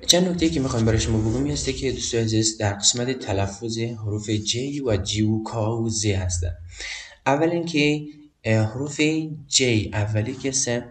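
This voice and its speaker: A man with an Afghan Dari accent teaching a basic English grammar lesson, patient and repetitive, pausing often with hesitations. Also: mid-range voice. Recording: roomy echo, distant mic.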